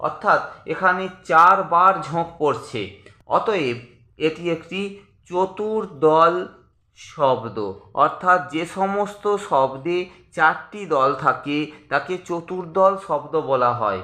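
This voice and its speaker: Guy teaching grammar, kinda high voice, stretches out example words, roomy echo. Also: expressive, pushed and bright. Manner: slow, drawn-out pronunciation of example words; addresses students as friends. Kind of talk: grammar lesson.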